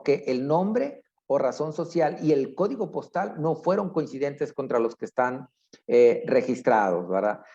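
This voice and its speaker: A man with a Mexican accent leads a screen-share tutorial, patient and methodical as he works through each step. His pitch sits in an ordinary middle range, and he keeps checking in with a quick tag question. The recording is a bit dull and lo-fi. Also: a little mellow. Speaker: public accountant.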